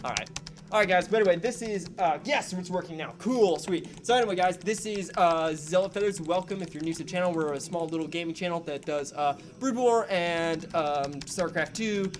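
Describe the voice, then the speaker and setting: Young male co-host, lively casual game caster, game music underneath. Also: high voice, a little fast. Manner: chatty, excitable, cheering on a player. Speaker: gaming channel co-host and caster. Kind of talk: casual live-stream game commentary. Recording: game music playing behind.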